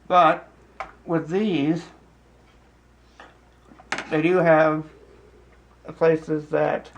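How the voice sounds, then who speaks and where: Slow, halting man with a creaky voice. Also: a little high. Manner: halting, deliberate, broken phrasing. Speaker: host demonstrating a hobby. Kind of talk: casual hands-on demonstration. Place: home basement, indoors. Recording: clear background noise, room ambience.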